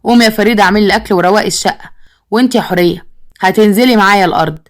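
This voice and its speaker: Woman narrator reading a bossy Egyptian father, quick and scolding. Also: mid-range voice, lightly acted. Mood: stern. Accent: Egyptian Arabic. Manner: commanding, scolding. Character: stern, bossy village father who favors his daughter-in-law.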